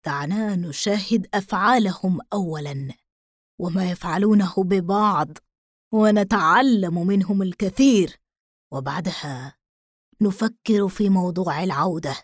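A woman narrator puts on a furious male demon lord for an audiobook, his voice dropped low, gruff and slow. He sounds scornful and menacing, recorded close and dry. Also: no echo. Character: huge wrathful male demon king on a fiery throne.

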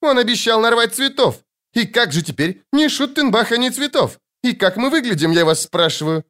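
A male audiobook narrator voicing a fussy bard who shouts indignantly. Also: very high voice, lively intonation, moderate pace, pitched above the performer's own voice, exaggerated voice.

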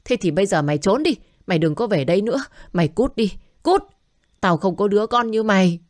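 A woman voicing a furious middle-aged mother who scolds in rapid, shouting bursts. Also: mid-range voice, lively intonation, dry recording, studio quality, voice pushed up, lightly acted.

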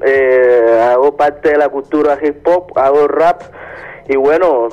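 A man's voice: fairly high pitch, lo-fi sound. Friendly man calling in over radio. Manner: friendly, shouting out names. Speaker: caller, rapper. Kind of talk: call-in radio chat.

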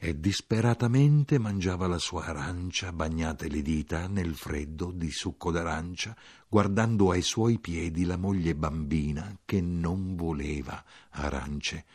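A man reading a literary novel aloud as an audiobook narrator, measured and expressive. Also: low voice. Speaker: audiobook reader.

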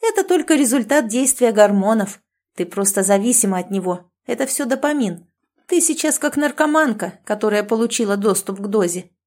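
A woman's voice: fairly high pitch, expressive, a little fast, a little mellow. A woman voicing a domineering, self-certain female friend who lectures and commands in a sarcastic tone, in an audiobook. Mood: angry. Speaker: language teacher.

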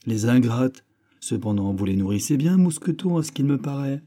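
A man voicing a bold, middle-aged male musketeer who asks brisk, teasing questions. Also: medium pitch, lively intonation, dark tone, pitched above the performer's own voice, lightly acted.

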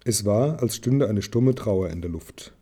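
Man reading a story in a dark voice. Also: on the low side, expressive, a little slow, breathy edge. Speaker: audiobook reader. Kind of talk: reading a novel aloud.

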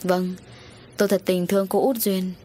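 A woman's voice: lowish voice, flat delivery, moderate pace, mellow, a little hiss or hum, natural voice. A woman voicing a middle-aged male landowner who hedges and then snaps in a storybook reading. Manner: hesitant, then snapping. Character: middle-aged man, a landowner, evasive and hot-tempered.

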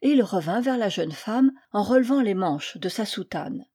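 A woman reading a classic short story aloud as an audiobook narration, measured and expressive. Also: mid-range voice, slightly rough. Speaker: reader.

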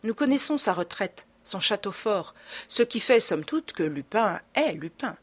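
A woman's voice: mid-range voice, very animated, a little slow, breathy edge. A woman reading aloud voices a confident young amateur detective in a storybook. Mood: assured.

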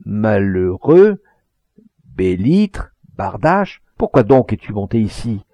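A man voicing an obsessive, proud, volatile old master painter, husky and emphatic, in a storybook reading. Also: on the low side, sing-song, takes it slowly, mellow, no echo, heavily acted. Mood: anguished. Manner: impassioned, emphatic, with hesitations. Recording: dull lo-fi recording.

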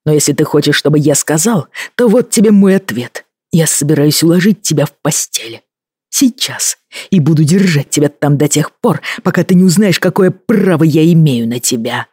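A proud, hot-tempered young Scottish husband, read aloud by a storyteller presses his words out in clipped, forceful bursts that climb toward shouting. The recording is close and dry, with no room sound. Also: medium pitch, expressive, normal speed, slightly rough, dry recording. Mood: furious.

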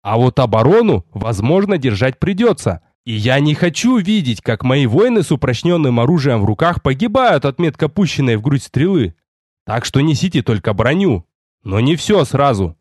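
A man's voice: mid-range voice, very animated, normal speed, darkish tone, dry recording, studio quality. A man voicing a stern young male lord and mage who gives curt orders.

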